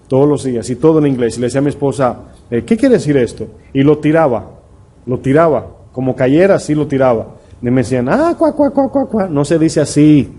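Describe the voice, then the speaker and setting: A man's voice: on the high side, warm tone. A middle-aged man, a pastor preaching a conversational sermon full of rhetorical questions to his congregation. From Dominican Republic.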